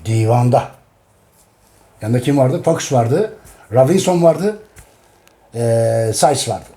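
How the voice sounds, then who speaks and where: Emphatic middle-aged man, warm voice. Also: medium pitch. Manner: repetitive, emphatic, repeats each phrase; addresses his audience directly. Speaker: host. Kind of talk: casual talk.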